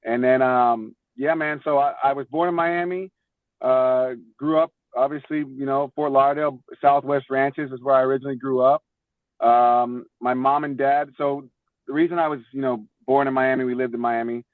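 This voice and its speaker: A young former baseball player from Florida, United States, chats casually as a podcast guest, telling stories informally and often repeating words. His mid-range voice holds a steady tone at a moderate pace. The recording is dry, with tinny, phone-like call audio.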